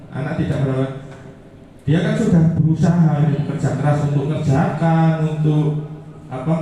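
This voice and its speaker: A man's voice: fairly high pitch, mellow. A male teacher presents to fellow teachers in a chatty, hesitant way, with many fillers. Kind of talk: workshop presentation. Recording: echoey room from far off.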